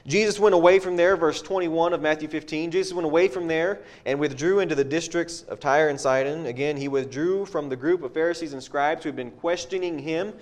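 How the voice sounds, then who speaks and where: A man's voice: a little high, brisk, hardly any pauses. Preacher man asking rhetorical questions. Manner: rhetorical questions, repeats words; reads scripture aloud. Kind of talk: sermon.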